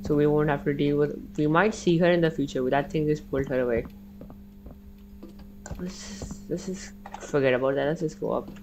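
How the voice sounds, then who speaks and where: A woman playing a horror game and commentating, reacting loudly and swearing when startled. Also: sits low, brisk, soft background music, poor audio. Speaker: let's-play gamer. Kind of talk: gaming commentary.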